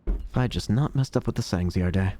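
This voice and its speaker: A man's voice: low voice, racing, warm tone. A man giving casual, offhand video game commentary, rambling to himself, with some static on the mic.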